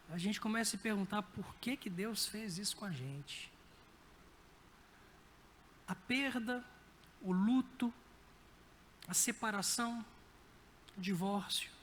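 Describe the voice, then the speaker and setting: A man with a Brazilian Portuguese accent preaching a sermon, telling stories in a lively, humorous way. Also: high-pitched, slight background noise. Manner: lively anecdotal storytelling with humor. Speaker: pastor. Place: church sanctuary. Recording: reverberant church hall.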